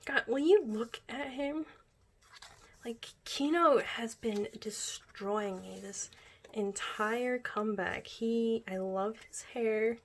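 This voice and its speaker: A woman's voice: on the high side, takes it slowly. Young woman gushing through a casual unboxing. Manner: gushing fan talk, drops into whispers when excited. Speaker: vlogger unboxing a music album.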